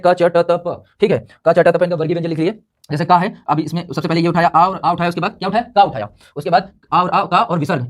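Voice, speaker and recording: A man teaching a grammar lesson, who keeps asking the listener questions and then answers them himself, repeating each term several times. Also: high voice. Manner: quizzes the listener then answers himself, drilling terms by repetition. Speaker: Hindi teacher.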